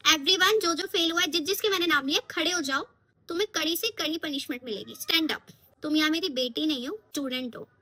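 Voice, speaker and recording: A woman's voice: sits high, quick pace, pushed and bright. A woman playing a strict, scolding teacher and mother in a comic skit. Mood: stern. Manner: scolding, bossy.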